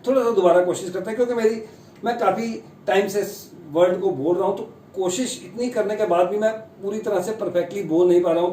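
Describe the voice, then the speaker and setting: A man teaching the pronunciation of long English words, chatty and self-deprecating, slowly sounding out each word. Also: high voice, dark tone, reverberant, recorded from a distance, a little hiss or hum, rough recording. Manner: slow, careful spelling-out of long English words. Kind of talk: Hindi-language pronunciation lesson.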